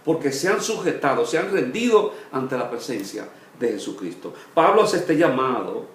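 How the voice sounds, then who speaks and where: A man, a pastor, teaching a Bible study sermon in short phrases, with pauses and "eh" fillers, each phrase trailing off low and soft. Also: sing-song, echoey room.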